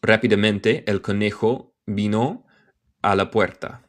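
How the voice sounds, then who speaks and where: An American man from Michigan teaching English in Spanish on a live online lesson. He reads phrases slowly and answers viewer questions in a relaxed way. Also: fairly low pitch. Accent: American English speaker talking Spanish. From Michigan, USA. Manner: slow deliberate read-aloud.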